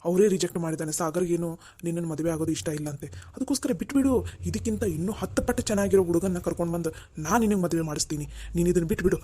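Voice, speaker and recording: A man's voice: sits high, quick pace, dark tone, breathy edge. A man voicing a wealthy, proud and stubborn middle-aged father in a cartoon, switching between indignant and pleading. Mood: reassuring. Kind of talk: Kannada cartoon voice acting.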